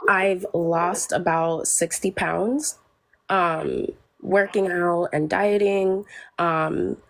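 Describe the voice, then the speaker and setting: A woman's voice: fairly low pitch, fairly even intonation, extremely slow, creaky. A woman in her early thirties calling in while sick, a little nasal, speaking hesitantly and apologetically with many ums. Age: early 30s. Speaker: caller.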